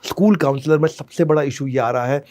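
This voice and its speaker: A man's voice: a little high, fairly quick, darkish tone. Theatrical man speaking in rhymes. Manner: theatrical, rhyming, mixes English into Hindi. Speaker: motivational parenting speaker. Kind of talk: stage seminar talk.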